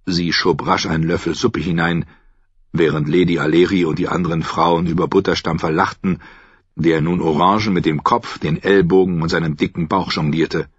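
A man reading a novel aloud as audiobook narrator, telling it with lively storytelling. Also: sits low, normal speed, breathy edge, dry recording. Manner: lively storytelling, voices every character. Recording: dull, dry studio recording.

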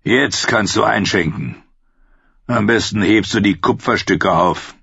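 A man voicing a hardened warrior who talks bluntly, rough and contemptuous. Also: lowish voice, a little slow, a bit bright, no echo, full character voice. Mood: scornful. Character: gruff hardened scarred warrior, scornful. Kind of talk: audiobook character voice. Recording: dull, lo-fi, dry.

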